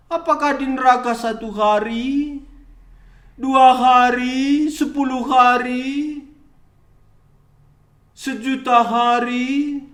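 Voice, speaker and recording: A man's voice: very high-pitched, a bit bright. A man telling a Bible story to children, emphatic and questioning his listeners, in an echoey room.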